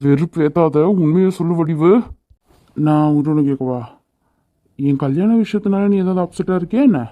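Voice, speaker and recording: A man's voice: fairly high pitch, a little fast, mellow, natural voice. A man voicing a caring young house owner in a cartoon, who keeps pressing for the truth. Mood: insistent. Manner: insistent, coaxing questions. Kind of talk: cartoon dubbing. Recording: dry, phone-like sound.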